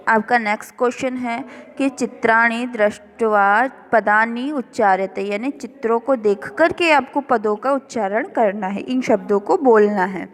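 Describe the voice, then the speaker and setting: A woman teacher goes through a revision lesson at an unhurried pace, spelling words out piece by piece. Her voice sits a little high and carries a long reverb from the room around her. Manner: slow, careful word-by-word explanation. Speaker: school teacher. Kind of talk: recorded classroom revision lesson.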